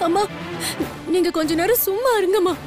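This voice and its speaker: A sobbing, pleading daughter-in-law. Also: female voice, very high voice, brisk. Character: tearful battered young daughter-in-law. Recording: TV serial with music behind.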